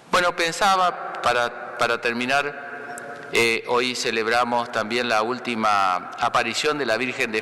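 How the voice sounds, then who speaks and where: Male priest, homily, very bright and forceful tone, conversational with frequent check-ins, long church reverb. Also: medium pitch. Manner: conversational, asks "¿no?" for agreement; pauses and restarts mid-phrase. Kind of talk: spoken homily.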